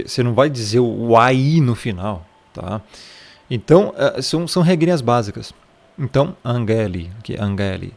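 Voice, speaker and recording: A Brazilian-accented man talks through a Bible passage in a relaxed, conversational lesson. His voice sits at an ordinary middle pitch. He keeps checking in with the listener and pointing at words in the text as he explains them. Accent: Brazilian Portuguese. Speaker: Bible teacher. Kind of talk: casual Bible study lesson.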